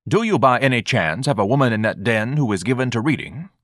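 A man's voice: mid-range voice, very animated, fast talker, a bit bright, dry recording, studio quality. A man voicing a pompous, fussy male hot-dog vendor who speaks in a lofty, disdainful way. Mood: indignant.

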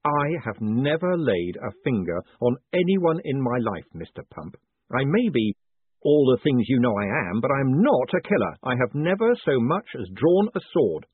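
A man voicing an exasperated, quick-tongued con man who talks in sharp, indignant bursts. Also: medium pitch, very animated, slightly rough, no echo. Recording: dry, phone-like narrow band.

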